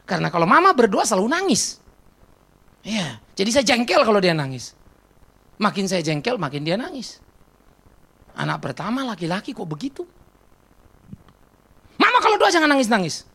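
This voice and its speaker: Gravelly man preaching a dramatic sermon. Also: high voice, very animated, moderate pace, long pauses. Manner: dramatic, swings from loud exclamations to quiet reflection; storytelling with personal confession. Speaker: pastor.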